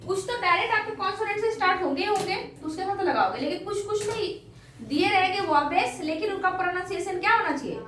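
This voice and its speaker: A woman's voice: extremely high pitch, animated, fast, a bit bright. A woman teaching a classroom grammar lesson, explaining step by step and asking her students questions. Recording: echoey room, voice from far off, faint noise.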